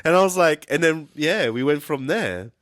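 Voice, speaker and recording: A man speaking as a co-hosts a drag podcast, telling stories with sass. His pitch swings widely as he talks. The recording is dry and close. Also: moderate pace, no echo. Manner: lively, sassy, storytelling. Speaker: drag co-host and barber. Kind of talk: casual chat.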